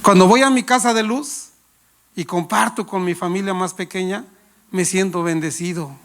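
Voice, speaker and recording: A man's voice: sits high, normal speed, fairly bright tone. A male pastor, preaching a sermon with playful anecdotes and questions to the congregation. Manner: playful, laughs while telling anecdotes.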